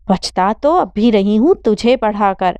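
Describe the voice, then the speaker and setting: A woman voicing a fierce, doting mother who wails and scolds in a sharp-tongued way. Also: medium pitch, animated, clear, resonant tone, dry recording, muffled recording, close to an everyday voice. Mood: scolding. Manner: wailing, cursing, sharp-tongued.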